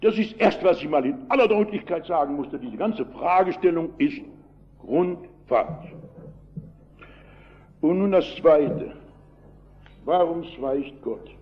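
An older male pastor preaching a sermon with emphatic storytelling, moving between loud and quiet delivery. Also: on the high side, lively intonation, slow pace, pauses often, lo-fi sound.

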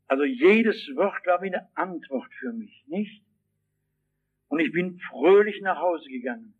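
A man delivers a sermon, speaking straight to his listeners and telling a story in which he acts out shouting voices. His voice sits high, and the highs are cut off.

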